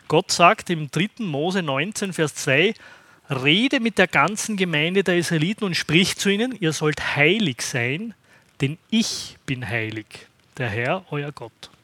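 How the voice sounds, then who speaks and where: A man preaching a sermon to his congregation in a conversational way, often pausing to ask "Ja?". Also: on the high side, animated, sharp tone, dry recording. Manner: conversational, checks in with the congregation by asking "Ja?".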